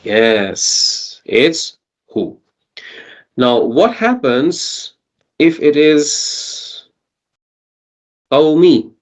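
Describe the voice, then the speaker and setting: A man's voice: on the high side, expressive, drawn-out words, long pauses. A man teaching a Quranic Arabic grammar lesson online, patiently asking his students questions and checking in with them.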